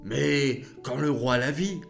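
A man telling a story to children, speaking to them directly in an expressive way. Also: medium pitch, slow pace, gravelly, soft background music.

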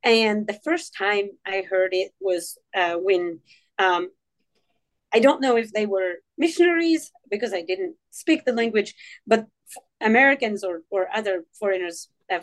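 A woman from Morocco whose first language is Tamazight, speaking English as a podcast guest, with many fillers and restarts. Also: medium pitch. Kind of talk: casual interview talk.

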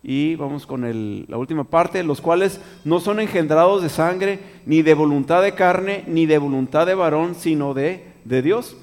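A man's voice: a little high, a little slow, hardly any pauses, darkish tone, big-room sound. A man preaching a conversational Bible study sermon, reading verses aloud and asking the listeners questions as he goes. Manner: conversational, repeats and restarts, asks the listeners questions.

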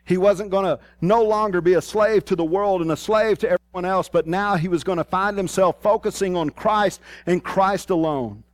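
A man with a high voice preaches a sermon in a plain-spoken, folksy style, his Southern US hillbilly accent carrying a country twang. He keeps a moderate pace with few pauses, repeating key phrases for emphasis, and the recording is dry.

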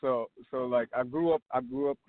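A man's voice: mid-range voice, brisk, dry recording. A man from Trinidad talks about his barbershop in an easygoing, rambling way, full of "you know" and "like." He calls in over a thin, tinny phone line. The sound is dry and close, with no room around his voice. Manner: relaxed, rambling with many fillers. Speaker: barbershop owner, guest. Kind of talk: casual interview chat.

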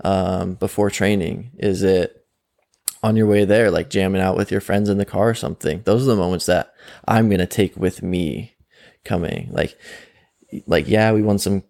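In a relaxed interview, a young man who works as a mental performance coach laughs frequently and leans on fillers like "like" and "um." He has a deep, darkish voice with vocal fry and fairly even intonation, at a moderate pace.

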